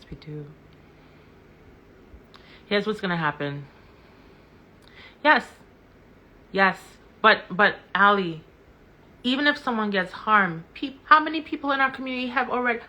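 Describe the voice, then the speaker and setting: A woman's voice: mid-range voice, normal speed, long pauses, bright, forceful tone. A woman giving impassioned commentary on a live stream, repeating words and questions for emphasis.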